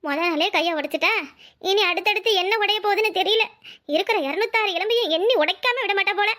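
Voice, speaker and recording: A woman's voice: very high-pitched, fast talker, bright, forceful tone. A woman voicing a quarrelsome middle-aged mother-in-law in a cartoon, moaning about her broken arm and scolding in turns. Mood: suspicious. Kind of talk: cartoon voice acting.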